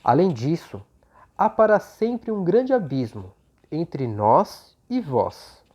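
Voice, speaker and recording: A Brazilian speaker leading an unhurried religious talk in short, gently explanatory phrases, with a voice slightly off from recovering from flu. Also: medium pitch, sing-song. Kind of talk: prayer and informal religious talk with scripture reading. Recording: dull, lo-fi sound.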